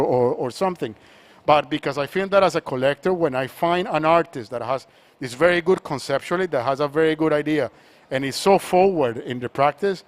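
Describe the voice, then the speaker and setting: During a panel conversation, a Colombian art collector speaks haltingly in a fairly high-pitched voice, repeating words and restarting often.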